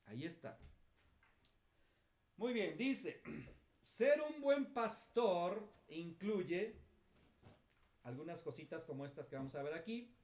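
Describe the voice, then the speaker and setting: A man's voice: high-pitched, very animated, slow pace, long pauses, darkish tone. A middle-aged Mexican man, a pastor teaching a class, telling self-mocking stories in a colloquial way. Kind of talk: lively teaching with personal anecdotes.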